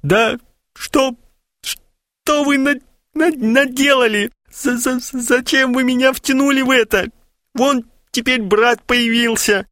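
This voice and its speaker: A man's voice: on the high side, sing-song, moderate pace, fairly bright tone, breathy edge, dry recording, studio quality, voice pushed up, full character voice. A man voicing a frightened, tearful middle-aged man who stammers and squeals in panic, in an audiobook. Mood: stammering terror. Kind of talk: audiobook character voice.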